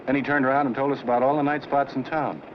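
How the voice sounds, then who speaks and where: A man's voice: mid-range voice, steady tone, fast talker, close to an everyday voice. An actor playing an earnest, suspicious man in a 1940s film, with an insistent, clipped way of talking. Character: suspicious, earnest American man on a European train. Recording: muffled, noisy old film soundtrack.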